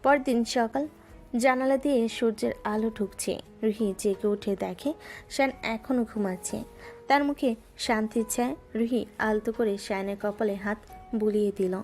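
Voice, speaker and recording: A woman with a slightly high voice narrates a love story in a gentle, scripted storytelling style at a moderate pace. Soft music plays underneath her as a bed.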